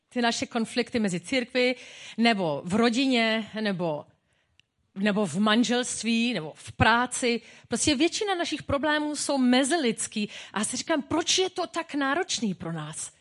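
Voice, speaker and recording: A woman's voice: on the high side, lively intonation. A woman pastor giving a sermon in a personal, humorous, conversational way.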